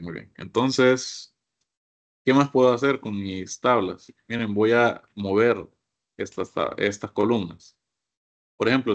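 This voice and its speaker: A man with a fairly low, slightly bright voice leads a computer course as a screen-share software lesson. He goes step by step and keeps telling his class to look, all captured in dull audio.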